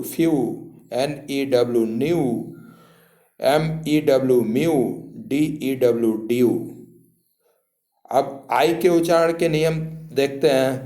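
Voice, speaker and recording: A man teaching a spoken lesson at a slow, unhurried pace. He spells words out letter by letter in a mellow, dark voice. The room around him echoes. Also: a little high. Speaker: English teacher.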